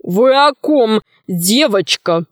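A sly robber chief, put on by a woman reader answers with mock politeness. Slow storybook telling, close and dry. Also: fairly high pitch, animated, no room sound.

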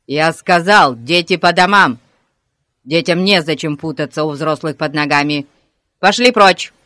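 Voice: mid-range voice, moderate pace, no echo, close to an everyday voice. Bossy village cop who barks everything, read by an audiobook narrator; dry close sound. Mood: furious shouting. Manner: shouting orders. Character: bossy loud village policeman, man. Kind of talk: audiobook character voice.

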